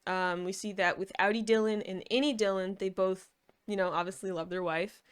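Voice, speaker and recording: Casual female vlogger: smooth, clear, mid-pitched, rambling and informal, hedging as she goes. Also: fairly even intonation, fairly quick. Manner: informal, hedging, thinking aloud. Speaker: video reviewer.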